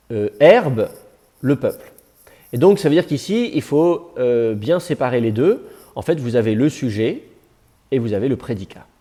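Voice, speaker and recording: A man's voice: medium pitch, dark tone. A man teaching biblical Hebrew to a class, with a conversational, digressive manner and joking asides. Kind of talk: classroom lecture.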